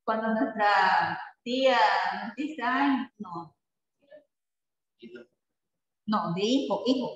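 High-voiced teacher in an echoey room. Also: male voice, slow pace, a bit bright. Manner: patient, checks in with frequent tag questions. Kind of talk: classroom spelling lesson. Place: classroom. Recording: echoey classroom, far from the mic, dull.

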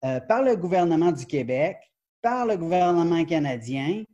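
A man's voice: a little high, animated, normal speed, mellow, muffled recording. A man in his forties with a Quebec French accent, a professor explaining his research in a video-call interview, talking animatedly with many fillers and restarts. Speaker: professor and book author, guest. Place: glass-walled sunroom indoors. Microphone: video call webcam.

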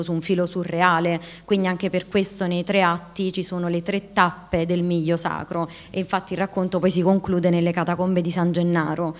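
A young woman with a fairly low voice and flat intonation presents her work into a handheld mic. She explains it informally, searching for words and adding little checking tags. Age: young adult. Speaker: author presenting own work. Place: large historic hall, standing. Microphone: handheld microphone.

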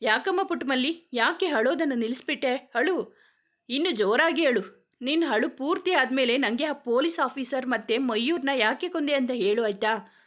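A woman's voice: high-pitched, lively intonation, moderate pace, a bit bright. A woman voicing a tough male police officer who interrogates suspects in a commanding, threatening way. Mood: stern.

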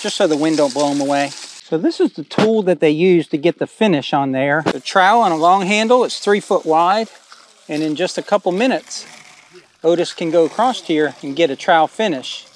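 A man's voice: a little high, slight background noise. Man vlogging from a rural job site. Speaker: homestead vlogger. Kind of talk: casual walk-and-talk narration. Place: outdoors on a rural building site. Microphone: phone held at arm's length.

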